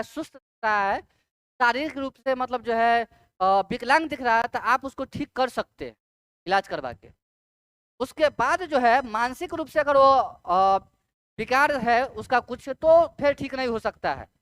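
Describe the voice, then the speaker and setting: Clear-voiced woman teaching. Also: a little high, fairly bright tone, no room sound, clean studio sound. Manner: repeats key terms slowly, syllable by syllable; asks rhetorical check questions. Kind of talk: exam-prep science lecture.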